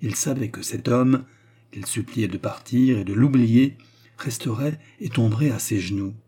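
A man narrating a classic novel in a measured, expressive reading. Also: medium pitch, breathy edge. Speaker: audiobook narrator.

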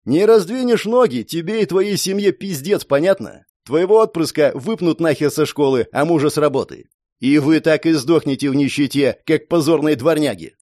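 Loud, crude thug, put on by a man, lively and raised in pitch, dry sound. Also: normal speed, few pauses, dry recording. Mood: threatening. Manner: barking, crude, threatening. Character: rich young thug, crude, cruel and shouting.

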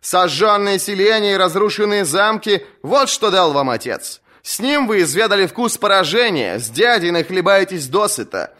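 A defiant young woman captain mocks her rivals in a storybook reading, voiced by a man pitched well above his own voice. She taunts and commands with lively, sweeping intonation. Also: normal speed, hardly any pauses. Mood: defiant mocking. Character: young fierce female sea captain, mocking. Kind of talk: audiobook reading.

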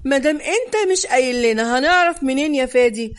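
A woman reads a cocky young police lieutenant in an Egyptian crime audiobook. He talks down to everyone, smug and provoking, in a somewhat high voice. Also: animated, fast.

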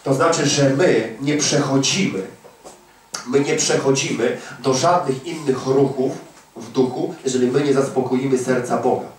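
A man preaching a fervent, emphatic sermon, swinging from hushed asides to near-shouts. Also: medium pitch, normal speed, a little hiss or hum. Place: church prayer hall. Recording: very echoey hall, from a distance.

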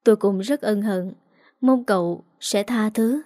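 A woman's voice: mid-range voice, measured pace, mellow, no echo, clean studio sound, lightly acted. A woman voicing a remorseful older father who humbly pleads for forgiveness. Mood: pleading.

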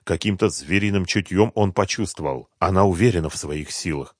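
A man narrating a crime audiobook in an even, measured manner. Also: deep voice, dry recording, studio quality.

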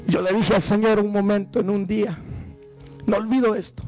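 A man's voice: steady tone, normal speed, darkish tone, faint music behind, poor audio. A man from Guatemala, preaching an evangelical sermon as a guest preacher and rising into fervent preaching. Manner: rises to fervent, high-pitched preaching.

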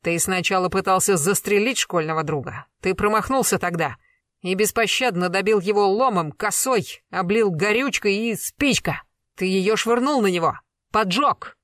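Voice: medium pitch, normal speed, a bit bright, no room sound, clean studio sound, lightly acted. A reader voicing a stern former colonel who interrogates a suspect relentlessly in an audiobook. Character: stern commanding male investigator, a former colonel. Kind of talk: audiobook character reading.

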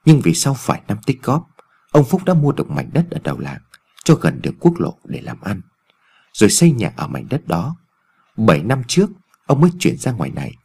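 A man narrating a ghost story in an expressive storytelling reading. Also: fairly low pitch, fairly quick, creaky, husky.

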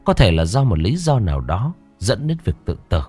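A man narrating a horror story in a dramatic, expressive way. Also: fairly low pitch, normal speed, slightly rough, faint music behind.

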